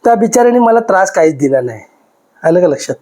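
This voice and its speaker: A man's voice: high-pitched, sing-song, fast, darkish tone. A man in his fifties, a podcast guest, emotionally recounting a personal ghost experience and repeating himself as he goes. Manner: emotional, repetitive retelling.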